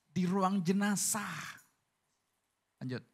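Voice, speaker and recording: A man's voice: high-pitched, slow, vocal fry, a little mellow, husky. A man preaching a sermon as pastor, casual and joking, often throwing rhetorical questions at the congregation.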